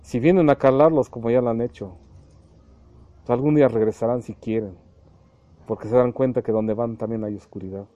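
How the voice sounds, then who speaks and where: A man's voice: mid-range voice, moderate pace, pauses often, dark tone, no room sound, muffled recording. A man, a spiritualist medium preaching a channeled sermon to his followers, repeating points and acting out quoted dialogues. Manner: addresses listeners as little brothers, repeats himself, acts out quoted dialogues.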